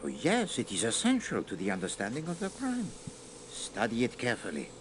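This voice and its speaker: An actor voicing a fussy, formal middle-aged detective in a video game, speaking precise, slightly stilted English. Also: male voice, medium pitch, wildly swooping pitch, brisk. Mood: instructive. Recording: game audio with clear background noise.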